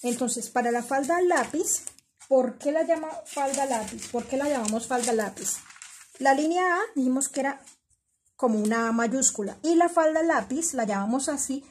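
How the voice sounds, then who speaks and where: A woman's voice: high-pitched, lively intonation, normal speed, slight background noise. A middle-aged woman teaching a sewing pattern-making class, explaining each step patiently and repeating measurements, and calling her students "my girls". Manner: addresses students warmly as "my girls". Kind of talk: step-by-step instructional lesson.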